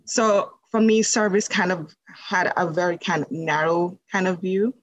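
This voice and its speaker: With a fairly low pitch and an unhurried delivery, this Jamaican woman comes through on a dry, dull-sounding recording. As a guest on a podcast, the holistic nutrition practitioner shares her story in a relaxed, conversational interview, using plenty of fillers.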